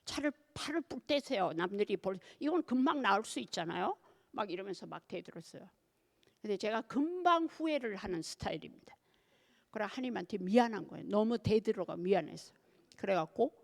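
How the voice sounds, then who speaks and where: An older nun speaks with a Gyeongsang Korean accent in a somewhat high, gravelly voice. Her pitch swings widely as she tells her story to a church audience. She keeps putting questions to her listeners. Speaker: nun giving a parish lecture. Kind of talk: church lecture. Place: church hall.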